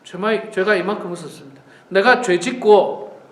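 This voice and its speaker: A man's voice: high voice, normal speed, fairly bright tone, reverberant. A male pastor giving an earnest, emphatic morning prayer sermon, repeating key phrases. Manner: earnest, repetitive, emphatic preaching.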